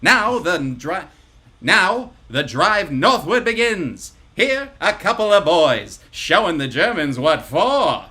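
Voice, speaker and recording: Old newsreel announcer, a man doing it, punchy declaiming, bright forceful tone. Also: high voice, big pitch swings, slow, slightly rough, heavily acted. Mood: rousing. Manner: punchy, declaiming, loud stretched emphasis. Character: energetic 1940s male newsreel announcer. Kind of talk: old newsreel narration, comic table read.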